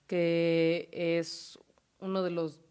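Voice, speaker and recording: A woman with a Mexican accent retelling a myth in a casual chat, animated and full of slang and swearing. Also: fairly low pitch, very slow, clean tone.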